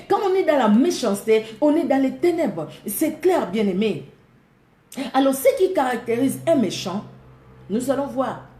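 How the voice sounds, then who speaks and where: A woman's voice: on the high side, mellow, reverberant. A woman preacher with a Congolese French accent, delivering a sermon emphatically, repeating her phrases and speaking straight to her listeners.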